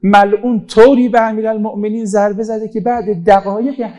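A male preacher giving a mourning sermon, weeping as he speaks and chanting Arabic passages slowly. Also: high voice, fairly even intonation, a little mellow, low-quality recording.

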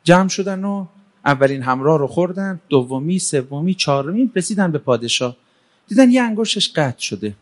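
A man's voice: fairly high pitch, expressive. A man casually retelling a folk tale in a conversational way, with everyday fillers and quotes from the characters. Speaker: storyteller. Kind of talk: casual oral storytelling.

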